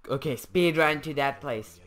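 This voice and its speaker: Slow, goofy male gamer. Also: fairly high pitch, a bit bright. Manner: goofy, playful, rambling. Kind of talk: let's play commentary.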